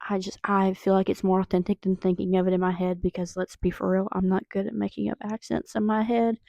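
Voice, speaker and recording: A young woman with a Southern accent chatting excitedly about books she read, with lots of fillers. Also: mid-range voice, fairly quick, gravelly, no room sound, dull audio. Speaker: book vlogger. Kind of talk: casual book review chat.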